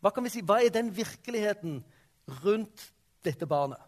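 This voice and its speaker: High-voiced man teaching a class. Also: expressive. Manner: questioning, prompting the class with frequent "sant?" and "ok?". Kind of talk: classroom discussion lecture.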